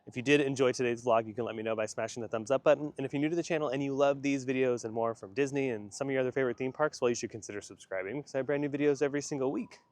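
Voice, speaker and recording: A man's voice: mid-range voice, very fast, few pauses, a little mellow, dry recording. A man hosting a casual theme park vlog outdoors at night, goofy and rambling. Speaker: vlog host.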